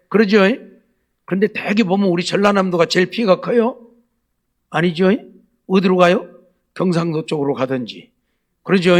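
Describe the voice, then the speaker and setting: A man's voice: high-pitched, a bit bright. A male pastor preaching a Sunday night sermon, asking the congregation rhetorical questions again and again. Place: church sanctuary.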